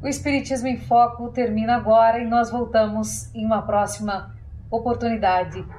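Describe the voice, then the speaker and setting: A woman's voice: a little high, steady tone, moderate pace, darkish tone, low-quality recording. A woman hosting a TV interview show in a studio, speaking in an earnest, effusive way as she closes the program. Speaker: TV show host. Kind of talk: closing a televised interview.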